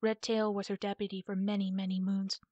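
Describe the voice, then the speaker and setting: A woman's voice: mid-range voice, little pitch movement, a little fast, mellow, dry recording, dull audio, natural voice. A woman voicing a friendly, chatty young male apprentice cat in a storybook reading. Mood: earnest.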